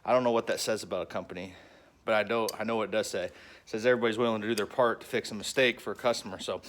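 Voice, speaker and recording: A man's voice: lowish voice, steady tone, racing, fairly bright tone, slight background noise. A man hosting a homestead vlog, chatting to the camera outdoors in a folksy, joking way. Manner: folksy, joking, talks straight to viewers. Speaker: homestead vlogger. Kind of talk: casual vlog talk to camera.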